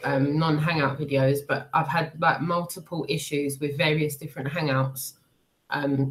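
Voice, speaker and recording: A woman who sounds sick and bunged up, chatting casually and hesitantly to livestream viewers in an apologetic, rambling way. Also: sits low. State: unwell, congested, bunged up with a cold and cough. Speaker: livestream host. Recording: clearly noisy livestream audio.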